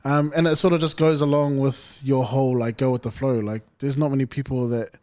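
A man at a middling pitch co-hosts a podcast and shares his views in a thoughtful, reflective manner. He talks in a warm, conversational tone. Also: steady tone, fairly quick. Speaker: podcast co-host. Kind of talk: casual podcast chat.

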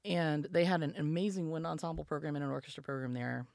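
Chatty Southern-raised woman with gravelly voice. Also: low voice, fast, darkish tone, dry recording. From Alabama, US. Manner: chatty, many fillers, acts out quotes. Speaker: podcast guest, musician. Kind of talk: casual storytelling interview.

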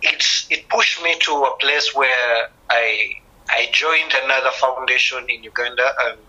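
A man, a musician guest speaking thoughtfully, with many pauses, in a radio interview. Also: mid-range voice, bright, forceful tone, rough recording. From East Africa. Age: 30s.

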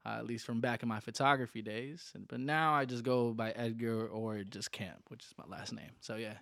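A man's voice: mid-range voice, steady tone, creaky, a bit bright. A young man, a guest on a casual podcast, ribbing his friends and joking around. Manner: teasing, quick to rib the others. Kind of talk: casual chat.

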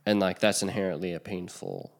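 Low-voiced man in rambling podcast chat. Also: fairly even intonation, brisk. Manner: rambling, lots of fillers and restarts. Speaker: podcast co-host. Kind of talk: casual chat.

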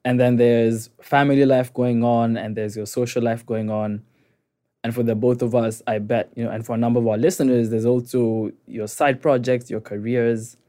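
A young man co-hosting a podcast in easy, casual talk. His voice is dark and mellow, and he adds playful, upbeat emcee flourishes. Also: mid-range voice, little pitch movement, normal speed. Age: young adult. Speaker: podcast co-host.

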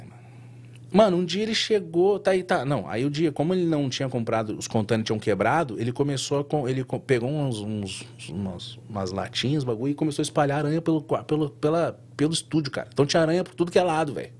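A man, a tattoo artist guest, telling a story in an interview in an animated, slangy way, with lots of fillers and restarts. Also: a little high, fast.

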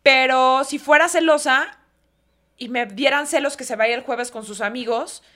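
A woman with a Mexican accent hosts a casual conversation. Her voice sits a bit high, and she asks lively questions. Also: normal speed. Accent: Mexican Spanish. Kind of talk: casual podcast chat.

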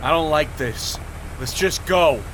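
An actor playing a nervous young thug who swears and talks jumpily. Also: male voice, a little high, measured pace, big-room sound, noisy background, natural voice. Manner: jittery, swearing.

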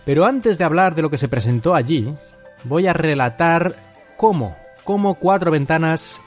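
A podcast host from Spain, speaking with a Spanish accent from home, narrates alone in a conversational storytelling style over faint background music. His voice is somewhat high, animated, and at normal speed.

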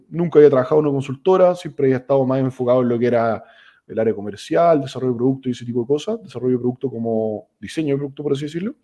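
A young Chilean man with a Chilean accent, a startup co-founder talking casually as a guest, halting and restarting his sentences often. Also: mid-range voice, dull audio. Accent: Chilean Spanish. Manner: relaxed, halting, many restarts and fillers. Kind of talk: casual conversational interview.

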